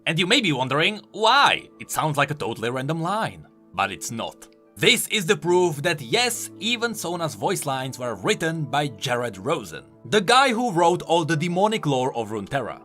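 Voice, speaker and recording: With music playing under his voice-over, a man recounts video game lore from a script in an emphatic, dramatic storytelling style. His voice is a little high and sing-song with a sharp tone, at a normal speed.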